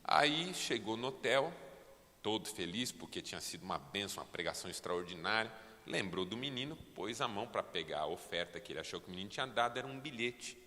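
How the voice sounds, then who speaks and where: A Brazilian man preaching a fervent sermon as pastor, building to near-shouts, in a church. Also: fairly low pitch, lively intonation, fast, big-room sound. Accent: Brazilian Portuguese.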